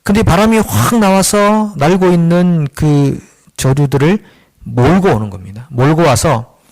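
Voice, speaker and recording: A man preaching a Wednesday sermon, animated and conversational, acting out the voices of the figures he talks about. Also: fairly high pitch, a little slow. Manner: animated, acts out dialogue with God and Moses; chuckles at himself, conversational. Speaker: pastor.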